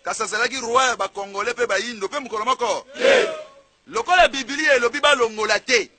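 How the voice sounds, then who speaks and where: The Congolese-accented preacher sounds sharp and slightly rough here, his very high voice moving a little fast as he fires off rhetorical questions in a fiery street sermon. The recording is dry, with a faint crowd in the background.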